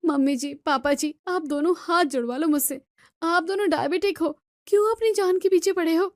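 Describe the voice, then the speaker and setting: A woman's voice: very high voice, normal speed, no echo, studio quality. A woman playing a scolding young daughter-in-law. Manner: pleading, scolding.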